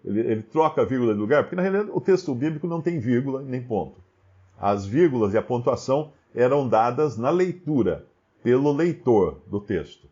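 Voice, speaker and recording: A man giving casual, animated Bible commentary, firing off rhetorical questions. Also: mid-range voice, brisk. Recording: dull lo-fi recording.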